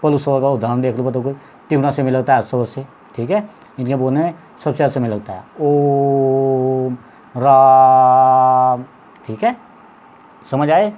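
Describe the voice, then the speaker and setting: A man teaching a lesson to students, stretching out vowel sounds as examples, repeating a check-in phrase, and coughing now and then. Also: mid-range voice. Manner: drawn-out vowel demonstrations, repeats "ठीक है". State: occasional coughing. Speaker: Hindi teacher. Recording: slightly dull lo-fi audio with faint background noise.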